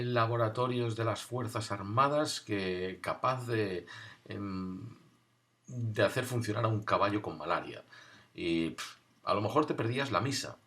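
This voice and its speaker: A man recalling his school days in an unhurried, wry storytelling manner with dry humor. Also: on the low side, a bit bright. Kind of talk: casual spoken recollection.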